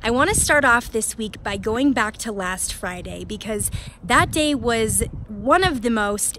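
A young woman in her twenties hosting a fire department vlog, talking in an upbeat, explanatory way into a phone held at arm's length on an outdoor training ground. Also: mid-range voice. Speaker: fire department video host. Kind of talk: casual vlog narration. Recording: noisy outdoor phone recording.

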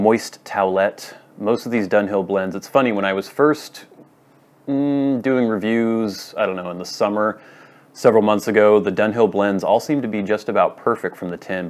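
A man with a deep-set, low voice talks casually to camera as a reviewer. His delivery is measured and deliberate, often breaking into short, itemised phrases. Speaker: pipe tobacco reviewer. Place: wood-floored room at home, indoors.

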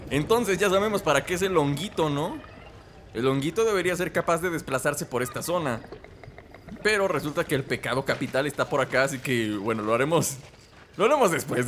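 A man's voice: on the high side, lively intonation, a little fast, slight background noise. A young man with a Mexican accent, commenting playfully on a game he is playing and joking with its characters. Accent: Mexican Spanish. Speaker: gaming commentator. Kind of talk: let's play commentary. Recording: game music loud behind voice. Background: video game music and sounds.

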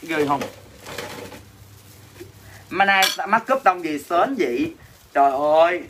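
Slow but lively in intonation, a high-pitched man with a Southern Vietnamese accent hosts a livestream sale against a noisy background. He reads viewer comments aloud and replies with dramatic teasing and mock complaints in casual selling chat.

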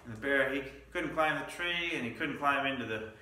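A man's voice: mid-range voice, a little fast, pushed and bright. A male pastor preaching a midweek Lenten sermon, telling stories with asides and small restarts. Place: church sanctuary. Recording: echoey church sanctuary, mic at a distance.

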